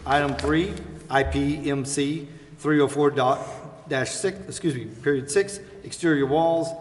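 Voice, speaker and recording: An American man chairing a public meeting reads the agenda formally, unhurried and steady, in a slightly high voice. Echo from the council chamber and clear background noise fill the recording.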